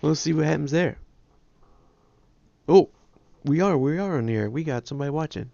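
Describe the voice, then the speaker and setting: A man talks casually and rambles on in a nasal, heavily gravelly voice. His tone is dark and mellow, and it is heard dry and close. The livestream sound comes across a bit dull and lo-fi. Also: fairly high pitch, expressive, normal speed, dry recording. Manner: rambling, self-deprecating. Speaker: ham radio livestream host. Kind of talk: casual chat.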